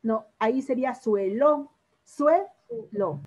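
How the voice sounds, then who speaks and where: In a dull, lo-fi classroom recording, a woman teaches a poetry lesson in literature class. Her voice is a little high and dark-toned, her pace measured, and she patiently quizzes students while drawing out syllables.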